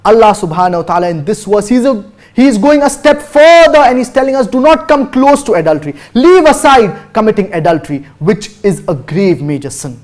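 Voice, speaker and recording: Measured preacher with a higher voice. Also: male voice, very animated, a little mellow. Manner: recites Arabic verses fast, then translates slowly with emphasis; formal, measured, cites chapter and verse numbers. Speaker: Islamic preacher answering viewer questions. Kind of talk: religious lecture.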